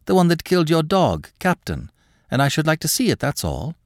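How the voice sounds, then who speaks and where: A man voicing a calm, sympathetic lady who questions politely and gently in a story. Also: a little high, a little fast, dry recording, studio quality, pitched above the performer's own voice. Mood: calm, coaxing.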